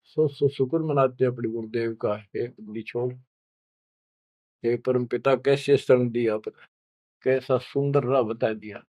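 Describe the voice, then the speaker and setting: A man's voice: medium pitch, steady tone, unhurried, no room sound, muffled recording. A man telling a story in a sermon, earnest, speaking to listeners as children. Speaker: preacher.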